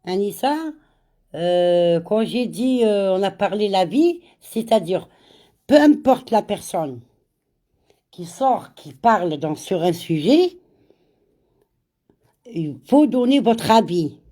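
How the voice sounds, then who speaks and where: A woman's voice: medium pitch, lively intonation, dark tone. A woman with a cold hosting a casual live chat, greeting viewers by name and slipping in Arabic greetings. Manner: slow, repeats words. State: has a cold. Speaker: live stream host.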